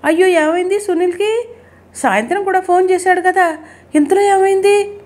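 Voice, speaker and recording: A woman voicing an anxious, loving mother, pleading in a high, tearful voice. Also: normal speed, a little mellow. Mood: distraught.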